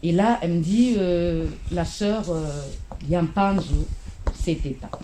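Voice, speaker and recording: A woman giving an emotional spoken testimony at a memorial gathering, halting and searching for her words. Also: on the low side, noisy background. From Central Africa.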